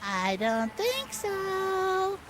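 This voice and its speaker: An actor voicing an evil ventriloquist dummy in a squeaky puppet voice, a grandiose, mock-jolly game villain drawing out words like a showman. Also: wildly swooping pitch, very slow, noisy background, heavily acted. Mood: sinister, taunting. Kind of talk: theatrical video game villain acting.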